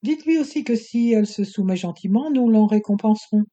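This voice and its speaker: An audiobook reader voicing a scheming, menacing male doctor who speaks calmly and coaxingly. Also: medium pitch, dull audio, voice pushed up, natural voice. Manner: calm, measured, coaxing menace. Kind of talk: audiobook reading.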